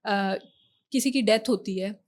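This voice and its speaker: A woman being interviewed on a podcast, explaining patiently with examples, slipping English phrases in and pausing on fillers. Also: medium pitch. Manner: measured with hesitant fillers. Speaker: guest expert on relationships.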